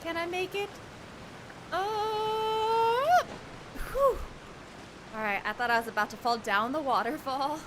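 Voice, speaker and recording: A woman's voice: very high-pitched, takes it slowly, long pauses, background noise. A young woman streaming a video game, chatting casually in a rambling, slangy way. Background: game music.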